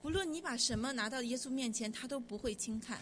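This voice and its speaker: A woman's voice: a little high, fast talker, fairly bright tone. A woman interpreting a sermon line by line, speaking fluently with occasional restarts.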